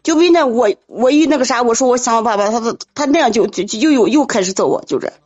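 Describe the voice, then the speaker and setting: Halting distressed woman on a dull line. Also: fairly high pitch, animated, darkish tone. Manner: halting, repeating herself, distressed. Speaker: caller. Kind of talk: telling her troubles on a call-in.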